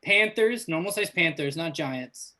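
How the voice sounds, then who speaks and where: A man's voice: fairly high pitch, lively intonation, measured pace, pushed and bright. A man running a tabletop role-playing game on a live stream as game master, chatting casually and organizing the players.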